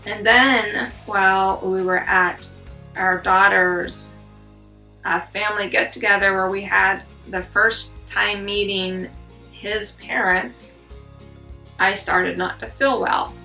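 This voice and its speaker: Middle-aged woman, bright creaky voice, slightly distant. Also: medium pitch. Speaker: vlogger recounting RV life. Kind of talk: casual storytelling to camera. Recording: slightly distant mic, music underneath.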